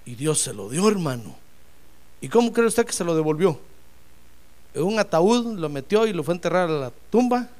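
High, animated fervent male preacher. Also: moderate pace, long pauses. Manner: fervent, addresses listeners as brother, acts out quoted voices. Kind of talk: sermon.

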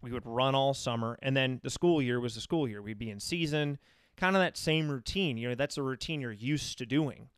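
A man's voice: mid-range voice, a little fast, clear, resonant tone, dry recording. An American man in his thirties talking casually and at length, telling anecdotes as an interview guest. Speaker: interview guest, running coach. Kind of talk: casual chat.

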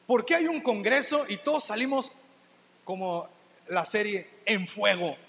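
A man's voice: high-pitched, lively intonation, measured pace, gravelly, bright, forceful tone. A young man preaching a conversational sermon, acting out quoted dialogues as he goes. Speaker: youth preacher. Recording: dull sound with long hall reverb.

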